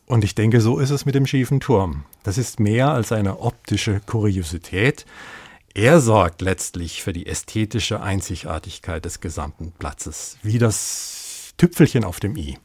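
A man's voice: lowish voice, measured pace, a little mellow, slightly rough, no room sound. A man, an expert colleague interviewed in the studio, explaining things chattily with everyday examples.

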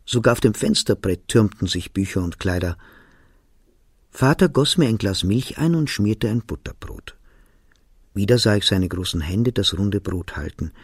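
A man reading a novel aloud as narrator, telling the story in a calm, measured way. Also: lowish voice, vocal fry, slightly rough, no room sound, clean studio sound. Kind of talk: audiobook reading.

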